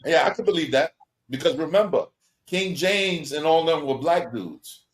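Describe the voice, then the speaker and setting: Dude co-hosting, rambles on emphatically, voice a bit higher than most guys. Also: male voice, expressive, moderate pace, low-quality recording. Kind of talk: casual chat.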